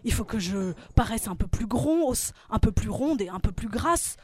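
A woman voicing a thin little old grandmother who talks to herself quickly and fretfully. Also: a little high, expressive, no room sound.

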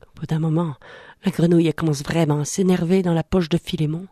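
A woman's voice: low voice, steady tone, fast, dark tone, no room sound, studio quality. A woman telling a children's story, drawn out and dramatic, dipping into whispers.

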